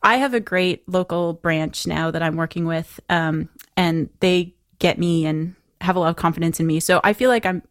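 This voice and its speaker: A woman talks as a podcast guest in a candid, chatty way, laughing easily between thoughts. Her voice sits a little low for a woman. The recording is dry and close, with no room sound. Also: normal speed, hardly any pauses, no room sound. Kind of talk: casual podcast chat.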